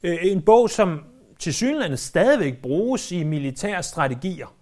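A man's voice: high voice, lively intonation, a little mellow. A man preaching a sermon in an earnest, emphatic way, repeating key phrases for weight.

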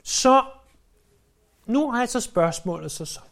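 A man preaching a sermon, stressing points loudly and then dropping to hushed, low phrases. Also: animated, gravelly. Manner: emphatic, swings between loud stresses and hushed low phrases.

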